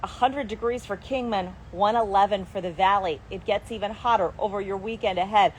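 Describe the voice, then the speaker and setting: Brisk tv weather lady doing a live outdoor forecast from a garden patio, medium pitch. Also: slight background noise. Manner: upbeat, brisk broadcast delivery.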